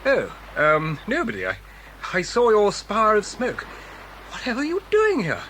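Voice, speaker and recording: A man's voice: high voice, wildly swooping pitch, normal speed, pushed and bright, heavily acted. A man playing a flustered, prim stranger who loves birds, stammering in a British accent for a children's audio drama. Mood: flustered, chatty. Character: flustered, fussy male bird-lover stranger, stammering and easily alarmed. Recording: faintly noisy old cassette recording.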